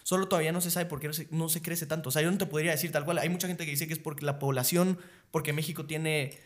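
Young Guatemalan guy, slightly high voice, animated chatty storyteller who laughs a lot. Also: fast talker. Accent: Guatemalan Spanish. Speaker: youtuber guest. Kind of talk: casual podcast chat.

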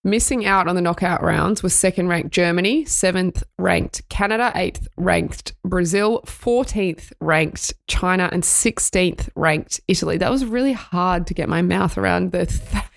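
Gravelly-voiced woman co-hosting. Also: lowish voice, measured pace, hardly any pauses, no echo. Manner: reads news items, laughs often. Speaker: podcast co-host. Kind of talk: casual sports podcast chat.

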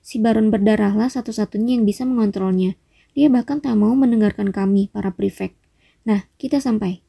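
A woman's voice: mid-range voice, fairly quick, creaky, warm tone. A woman reading an audiobook voices a self-important teenage boy prefect who talks in an officious, commanding way. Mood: instructive.

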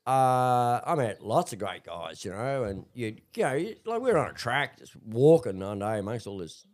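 A man's voice: mid-range voice, very animated, moderate pace. Rambling Australian man telling stories. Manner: rambling, full of fillers and restarts. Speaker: interview guest. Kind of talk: casual storytelling.

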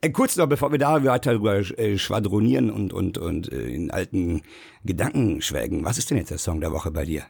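A man with a gravelly, somewhat husky voice, talking quickly. He co-hosts a casual podcast and rambles in loose, slangy chat full of fillers. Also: deep voice, expressive, a little mellow. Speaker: podcast co-host.

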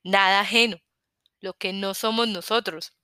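Tall, unflappable male soldier, voiced by a woman, matter-of-fact and crisp, in a storybook reading. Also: mid-range voice, fairly even intonation, normal speed, sharp tone, no echo, clean studio sound, close to an everyday voice. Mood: calm. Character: tall male soldier with glasses, calm, detached.

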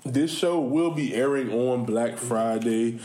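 A man's voice: medium pitch, takes it slowly, mellow, a little hiss or hum. A man co-hosting a casual podcast, telling stories animatedly with lots of laughter and repeated words. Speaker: podcast co-host and school coach. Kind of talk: casual chat. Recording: echoey room.

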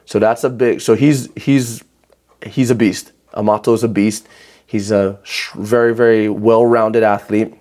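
Low-voiced man hosting a casual podcast. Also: steady tone, unhurried, darkish tone. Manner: rambling, many restarts and fillers. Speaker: podcast host and gym owner.

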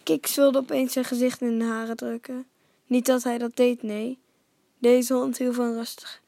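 A woman reads a children's book aloud in a calm, steady way, sometimes sinking to a near whisper. Her voice is fairly high but flat, with a gravelly edge, and the sound is close and dry. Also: normal speed, dry recording. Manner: calm and steady, dropping to a near whisper at times, with small reading slips. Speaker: storyteller. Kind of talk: reading a children's story aloud.

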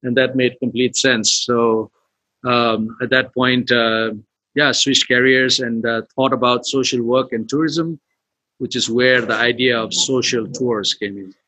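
The founder of a tour company, a man from western Nepal with a Nepali accent, replies conversationally as a podcast interview guest. His mid-range voice is steady, a little slow and sharp-toned, with no room sound, though the connection is dull and lo-fi.

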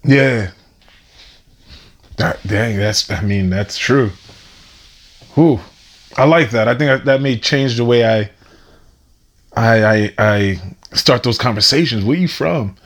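A man's voice: mid-range voice, takes it slowly, pauses often. A man chatting casually and reflectively, thinking aloud in an informal, slangy way.

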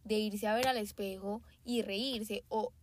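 Relaxed woman podcast co-host. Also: mid-range voice, unhurried, a little hiss or hum. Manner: relaxed storyteller, leans on "literal" and "o sea". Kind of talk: casual podcast chat.

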